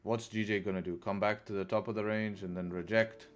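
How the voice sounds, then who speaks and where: A man from England hosts a live trading stream, his voice fairly low and steady and moving a little quickly over soft background music. He chats casually, repeats phrases, and answers questions from chat.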